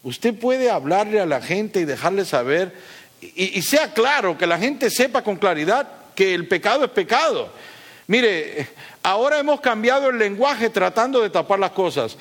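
A middle-aged man preaching a sermon, emphatic, asking the congregation rhetorical questions and dropping from loud high points to low asides. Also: big pitch swings, normal speed. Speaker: pastor.

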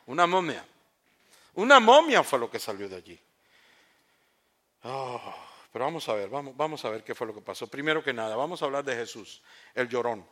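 A man preaching a sermon in church, reading a scripture story aloud with joking asides, rising to loud proclamations and dropping to hushed, slow lines. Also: medium pitch, big pitch swings. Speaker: pastor.

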